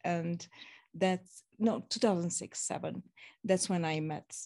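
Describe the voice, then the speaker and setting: Lower-voiced woman from Romania. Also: slow, dark tone. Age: 40s. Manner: modest, laughs between phrases. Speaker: podcast guest. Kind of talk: casual interview storytelling.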